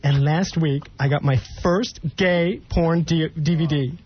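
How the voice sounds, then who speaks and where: A man's voice: a little high, steady tone, unhurried, breathy edge, highs cut off. A man with a chatty, campy manner doing a casual comic monologue as host.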